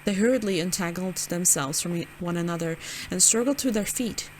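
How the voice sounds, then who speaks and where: A woman's voice: lowish voice, a little fast, slight background noise. A young woman reading a visual novel aloud, casual and giggly, stumbling over words with side comments. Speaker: gaming channel host.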